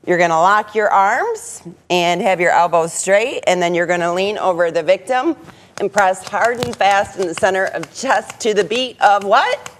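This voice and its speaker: A woman's voice: mid-range voice, moderate pace, a little hiss or hum. A woman with an American accent speaking as a guest educator, explaining and demonstrating on live television.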